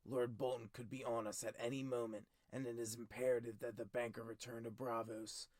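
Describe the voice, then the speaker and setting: A man voicing a stern, cold middle-aged king who talks in clipped, forceful commands, higher and louder than his narration. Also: level tone, brisk, dry recording, natural voice. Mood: commanding.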